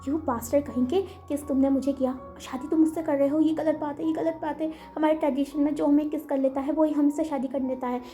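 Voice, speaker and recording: A woman's voice: high-pitched, steady tone, brisk, few pauses, mellow, soft background music, lightly acted. A woman voicing a heartbroken, furious young man. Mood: scolding.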